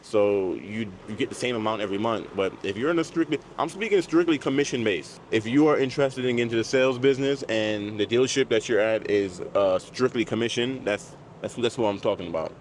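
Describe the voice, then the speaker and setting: Male car-salesman vlogger, lowish pitch, casual advice delivery, repeats for emphasis, recorded outdoors with light vehicle and dryer noise. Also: brisk, hardly any pauses. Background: loud dryer and passing cars.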